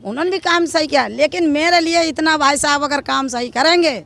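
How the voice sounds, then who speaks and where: A woman with a high voice answers a street reporter. She speaks firmly and plainly, a tea seller who does not mince her words. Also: brisk, gravelly, fairly bright tone. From Pilibhit, Uttar Pradesh. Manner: firm, plain-spoken.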